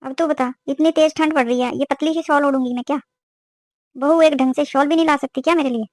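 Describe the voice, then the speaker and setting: Woman voicing a sharp-tongued mother-in-law. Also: high voice, steady tone, fast talker, dry recording, natural voice. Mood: scolding. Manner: scolding, complaining. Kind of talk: cartoon voice acting.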